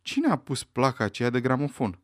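A man's voice: medium pitch, very animated, dry recording, natural voice. A man doing a stern old judge. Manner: dry, measured, commanding. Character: stern elderly male judge, authoritative.

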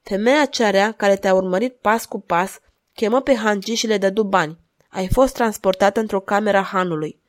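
A woman's voice: medium pitch, lightly acted. Woman voicing a relentless cold duchess. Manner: insistent, measured, unsparing.

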